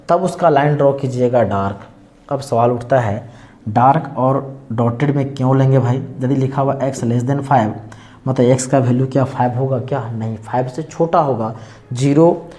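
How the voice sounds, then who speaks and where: A male maths teacher lectures at the board in a mellow, dark voice. He walks through each step and poses questions to the class, then answers them himself. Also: medium pitch. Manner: explains step by step, asks and answers his own questions.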